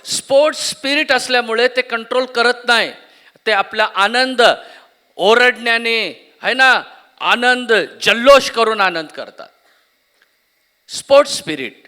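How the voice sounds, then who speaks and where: A man's voice: very high voice, a little slow, sharp tone, clear, resonant tone. A man preaching a sermon at a church conference, often asking the congregation questions and repeating key words. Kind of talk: Marathi sermon.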